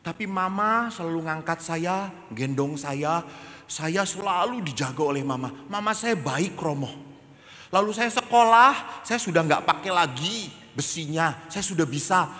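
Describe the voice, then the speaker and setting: A man's voice: a little high, expressive, a little slow, sharp tone, long reverb tail, voice pushed up. A man voicing a cheerful, grateful grade-school child with polio, who is eager, polite and keeps saying thank you.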